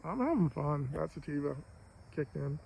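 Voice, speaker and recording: Gravelly American man rambling on a livestream. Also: a little high, lively intonation, warm tone. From Maine, United States. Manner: profane, digressive, halting. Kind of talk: rambling casual monologue to viewers. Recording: dull lo-fi audio, faint vehicle-like noise.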